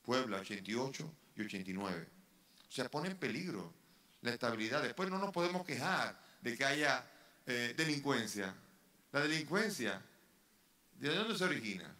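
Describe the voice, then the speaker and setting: A man's voice: medium pitch, sing-song, moderate pace, sharp tone. Earnest preaching man in echoey church. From Dominican Republic. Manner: earnest preaching with rhetorical questions and rising emphasis. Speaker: bishop giving a retreat talk. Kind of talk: sermon. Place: parish church.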